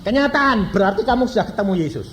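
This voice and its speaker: A man's voice: high voice, sing-song, fast, background noise. A male evangelist preaching to a congregation, bluntly firing rhetorical questions at the listeners. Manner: blunt, peppers talk with rhetorical questions to the audience. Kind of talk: sermon to a congregation.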